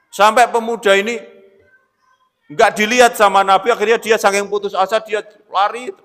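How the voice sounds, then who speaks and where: Animated preacher in a reverberant hall. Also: male voice, high voice. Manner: animated, swings between loud emphatic bursts and quiet asides; keeps addressing listeners as "Pak". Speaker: Islamic preacher. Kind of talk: lecture-style religious sermon. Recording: long reverb of a large hall.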